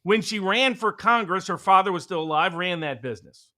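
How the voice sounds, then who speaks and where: A man's voice: sits high, expressive, brisk, pushed and bright. A man co-hosting a political commentary show, talking emphatically and sarcastically. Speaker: co-host.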